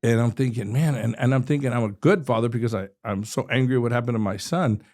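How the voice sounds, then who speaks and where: A man's voice: mid-range voice, quick pace, darkish tone. A man in his sixties from Texas, a state representative telling a personal story as a podcast guest, earnest and vivid, often restarting his sentences.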